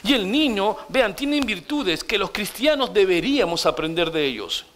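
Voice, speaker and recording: A middle-aged man preaching a sermon as pastor, animated and storytelling, often putting questions to his congregation. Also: high voice, normal speed.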